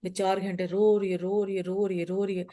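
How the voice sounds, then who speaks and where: A woman's voice: medium pitch, flat delivery, dark tone. A middle-aged woman, hosting a casual group talk on parenting. She explains with personal stories and slips in English phrases.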